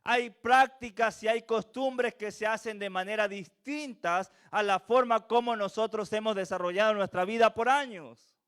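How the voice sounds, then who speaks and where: A man from Venezuela, whose accent has a slight Chilean tinge, preaches in church with a smooth, somewhat bright voice that sits high and moves at normal speed. His sermon is earnest, full of repetition and rhetorical questions.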